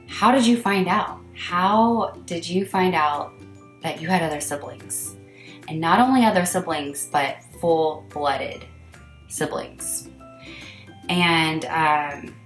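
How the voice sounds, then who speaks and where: A woman in her thirties from Texas, telling her own story slowly and deliberately, often repeating herself. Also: fairly low pitch, roomy sound, poor audio. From Texas, USA. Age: 30s. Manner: slow and deliberate, repeating phrases. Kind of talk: casual personal storytelling.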